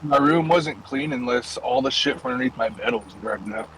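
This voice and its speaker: A man's voice: mid-range voice, normal speed, fairly bright tone, a little hiss or hum, rough recording. A young man streaming and chatting loosely from his car, rambling through stories with plenty of swearing. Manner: loose, profane, rambling storytelling. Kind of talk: casual chat while gaming and driving.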